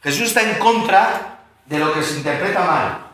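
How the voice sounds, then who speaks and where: A man's voice: high-pitched, animated, moderate pace, a bit bright. A male pastor giving a Bible study lesson, explaining words and quizzing his listeners. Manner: explanatory, asks the audience questions. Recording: very echoey room.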